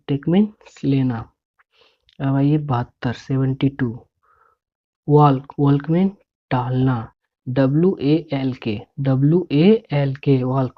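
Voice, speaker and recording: A woman teaching English words, spelling each one out letter by letter and repeating its meaning in a slow drill. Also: rumbling low. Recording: dull lo-fi recording.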